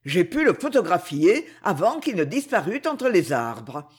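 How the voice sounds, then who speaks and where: A man reading aloud, voicing a grave, measured male aristocratic hunter. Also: sits high, sing-song, husky, heavily acted.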